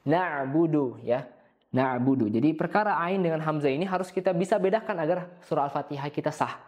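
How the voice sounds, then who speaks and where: A man teaching careful recitation, slowly drawing out each verse before explaining it briskly, tagging "ya" onto nearly every phrase and clearing his throat now and then. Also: fairly high pitch, darkish tone. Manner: adds "ya" as a tag after nearly every phrase. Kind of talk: tajwid lesson with slow demonstration recitation.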